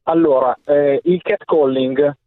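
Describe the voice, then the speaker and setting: A man's voice: on the high side, steady tone, slow, dry recording. A man calling into a radio show, politely building up to his point. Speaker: caller. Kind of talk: radio call-in. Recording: tinny phone line.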